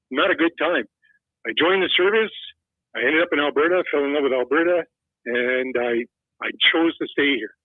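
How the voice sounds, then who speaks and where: An older man from Quebec calls in to a radio show, and he speaks earnestly and personally. His voice sits a little high. It comes through a thin, tinny phone line that sounds dry and close. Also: no echo. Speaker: caller. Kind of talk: phone-in caller.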